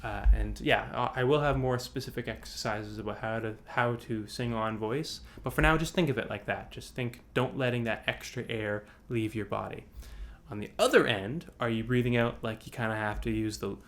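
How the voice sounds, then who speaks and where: A man's voice: medium pitch, moderate pace, fairly bright tone. Man coaching singers over a video call. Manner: demonstrates sighs and sung examples; loose, rambling, many restarts. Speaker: vocal coach. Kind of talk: online singing workshop.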